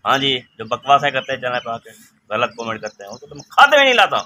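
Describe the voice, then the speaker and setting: Huge swings in pitch mark this medium-pitched voice, fast, bright and forceful. A man with a Pakistani accent delivers an emphatic, opinionated casual chat, repeating himself for effect, out in a village yard. Background noise comes through clearly on the outdoor phone recording.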